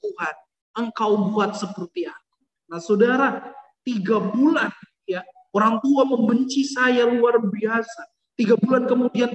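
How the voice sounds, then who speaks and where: Fervent preaching man in an echoey hall. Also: very high voice. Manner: fervent, keeps addressing the listeners directly, swings between loud and soft. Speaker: preacher giving a conversion testimony. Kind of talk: impassioned sermon testimony.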